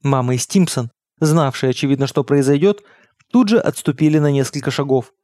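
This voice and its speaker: A man reading an audiobook in steady, measured narration. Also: medium pitch, dry recording, clean studio sound. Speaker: audiobook reader. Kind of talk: scripted narration.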